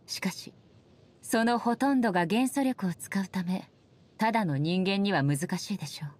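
A woman playing a regal, solemn female shogun and swordswoman in a game, speaking formally and with measured stateliness. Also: mid-range voice, a little mellow, close to an everyday voice. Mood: solemn, composed. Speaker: voice actor. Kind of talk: Japanese anime-style game character voice lines.

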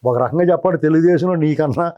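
A man speaks quickly in a dark, mellow voice as a political analyst. His commentary is heated and scolding, as though he is talking straight at the politician he criticizes. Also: a little high, dull audio. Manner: scolding, addresses the politician directly as you.

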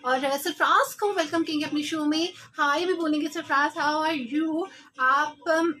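A woman's voice: sits high, steady tone, takes it slowly, pushed and bright, a little hiss or hum. A young Pakistani woman, hosting a live radio show in a small studio, chatting to listeners and mixing in English phrases. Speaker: radio host. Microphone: large studio mic.

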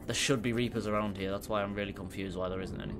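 A man's voice: fairly low pitch, fairly even intonation, very fast. A young man with a Teesside accent commentating a VR game, nervous and jumpy, swearing and yelping when startled. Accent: Teesside English. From Middlesbrough, England. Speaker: gaming YouTuber. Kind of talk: VR gameplay commentary. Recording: game music clearly behind the voice. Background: game music.

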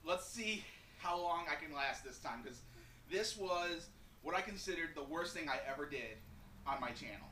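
A man with a high voice talks casually to his viewers, rambling as he explains what he's doing. The sound is roomy and far off from the camera's mic. A faint hiss runs underneath. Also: lively intonation, moderate pace, bright, forceful tone. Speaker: YouTuber. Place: room at home.

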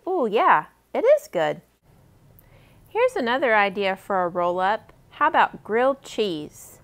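In an unhurried, sing-song voice of medium pitch, a library host in her thirties shows children how to cook, one step at a time. Her instructions are simple, friendly and encouraging.

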